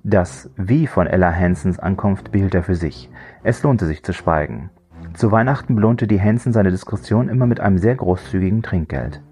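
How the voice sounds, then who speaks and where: A man narrating a crime thriller audiobook in a measured, dry storytelling voice. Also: low-pitched, warm tone.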